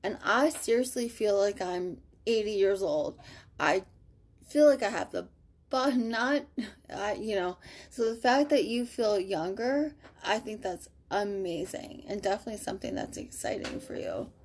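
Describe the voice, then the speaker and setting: This woman in her thirties has a mid-range, animated voice and a slightly slow pace. Hosting a relaxed home live stream, she reads out viewer comments in a cheerful, talkative manner full of fillers, picked up by a webcam or phone on a live video.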